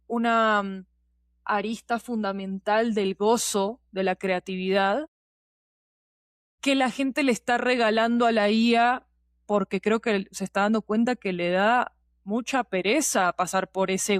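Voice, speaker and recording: An audio fiction producer with a Rioplatense Spanish accent appears as a podcast guest, sharing her views in a relaxed, slang-heavy chat full of conversational tags. Her mid-range voice moves at an unhurried pace. The recording is studio quality with no room sound.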